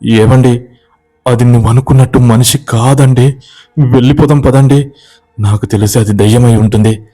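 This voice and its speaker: A man's voice: lowish voice, fairly even intonation, moderate pace, warm tone, lightly acted. A man voicing a frightened young village wife, pleading and panicked in a horror story.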